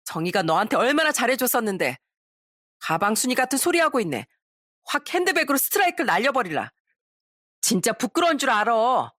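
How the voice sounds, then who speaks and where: A woman's voice: fairly high pitch, very animated, a little fast, fairly bright tone, no room sound, clean studio sound, voice pushed up. A woman voicing an angry, loyal young female friend who scolds indignantly.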